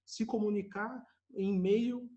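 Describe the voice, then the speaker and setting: A man with a Brazilian accent teaching an English class over a video call, chatty, tagging nearly every phrase with a quick questioning aside. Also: sits high, steady tone, warm tone, muffled recording. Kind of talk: online language class explanation.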